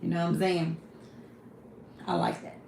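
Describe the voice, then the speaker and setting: A woman's voice: fairly low pitch, level tone, normal speed, gravelly, a little mellow. A woman, hosting a casual livestream. She reads viewers' comments and answers them directly, and she often says "you know what I'm saying.". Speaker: livestream host. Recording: echoey room, faint background hiss.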